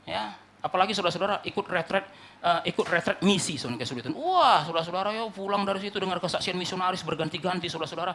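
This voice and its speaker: A male pastor preaching an animated sermon, often calling out to the congregation and mimicking churchgoers. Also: high voice, very fast, a little hiss or hum.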